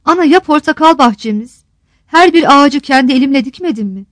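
A woman's voice: high voice, animated, a little fast, dry recording, studio quality. A woman reading a novel aloud, voicing a hesitant grown son, a sea captain, who pleads with his mother. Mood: pleading.

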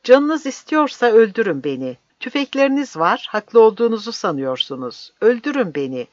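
A reader voicing a fiery old village priest who shouts his defiance in an impassioned, declaiming way, on a dry, slightly dull recording. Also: mid-range voice, animated, normal speed, no room sound, pitched above the performer's own voice, lightly acted. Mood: defiant, shouting.

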